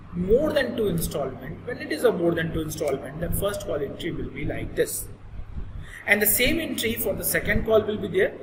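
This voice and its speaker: A lively, swooping male voice with an Indian accent from a native Hindi speaker gives a classroom explanation. He is instructive and repeats points to check they are understood. The room rings with long reverb, and there is clear noise behind him. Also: high voice. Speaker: accountancy teacher.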